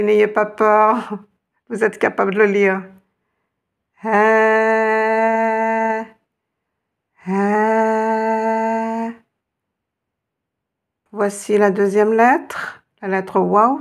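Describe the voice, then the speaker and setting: A woman's voice: medium pitch, creaky. A woman teaching Arabic reading, patiently encouraging her students and drawing out each sound. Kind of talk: reading lesson.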